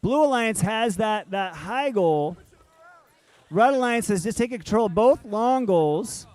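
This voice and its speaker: High-voiced man calling robot matches. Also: expressive, measured pace, a little mellow, dry recording. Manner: upbeat, joking with the crowd. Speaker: announcer. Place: event hall.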